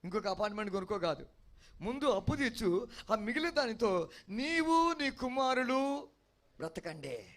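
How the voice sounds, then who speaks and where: A man's voice: high-pitched, big pitch swings, normal speed, long pauses, fairly bright tone. A male pastor delivering an expository sermon, preaching with emphatic repeated refrains and often asking the congregation whether they follow him.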